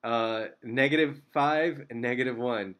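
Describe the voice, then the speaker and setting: A man's voice: medium pitch, unhurried. Man talking through math steps. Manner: steady step-by-step explaining, frequent "okay?" and "all right?" checks; light self-deprecating asides. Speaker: math teacher. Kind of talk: recorded math lesson.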